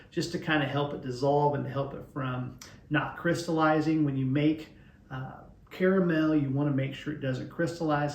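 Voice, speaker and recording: A man in his forties from Western Kansas, with a Western Kansas accent, hosting a casual home cooking demonstration with folksy, rambling explanations. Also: fairly high pitch. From Western Kansas, USA. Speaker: host of a DIY cooking channel. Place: home kitchen at the stove. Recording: roomy, distant kitchen sound.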